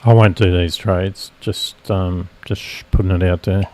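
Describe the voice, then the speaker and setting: A man's voice: deep voice, fairly even intonation, a little slow, dark tone, slight background noise. Nasal man rambling through live trades. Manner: rambling, self-correcting explanation with fillers. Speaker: futures trader streaming live. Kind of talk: casual live trading commentary.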